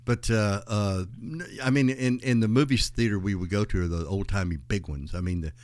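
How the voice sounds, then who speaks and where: In a dry recording, the host's father, a West Texan, talks as a guest in a relaxed conversation, drifting through recollections and leaning on fillers. He speaks a bit fast, with a lowish, darkish voice.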